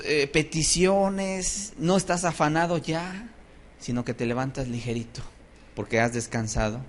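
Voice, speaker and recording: A man's voice: mid-range voice, slight background noise. A male pastor, preaching emphatically and asking rhetorical questions of his congregation. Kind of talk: sermon.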